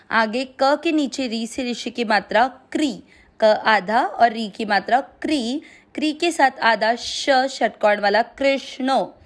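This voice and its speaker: Slow, patient woman teaching chant pronunciation. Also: a little high. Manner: patient, spells syllables and stretches vowels. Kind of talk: slow step-by-step recitation lesson.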